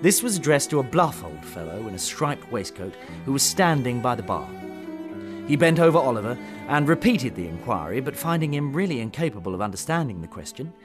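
A man narrating a classic novel in an expressive, dramatic way. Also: medium pitch. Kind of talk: storybook narration. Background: faint violin music.

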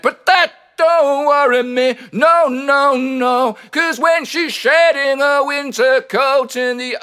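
A poet and comedian performs playful, whimsical comic spoken-word poetry with rhythmic, rhyming delivery over plucked guitar. His voice sits high, clear and resonant, a bit bright.

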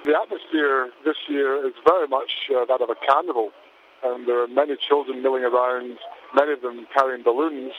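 A man's voice: medium pitch, steady tone, slight background noise. Man reporting over a tinny phone line. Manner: hesitant, halting with fillers and restarts. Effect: tinny mobile phone line. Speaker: correspondent.

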